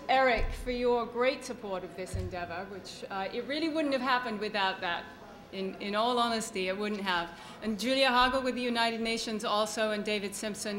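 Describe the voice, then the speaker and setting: This is a woman's public speech at a book launch, delivered live at an institutional venue. Speaking as the author, she comes across as earnest, emphatic and grateful, her mid-range voice carrying a slight brightness.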